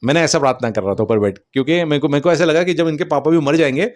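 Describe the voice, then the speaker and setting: A man giving a personal testimony in an animated way, acting out the dialogue. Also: on the high side, racing. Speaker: testimony speaker.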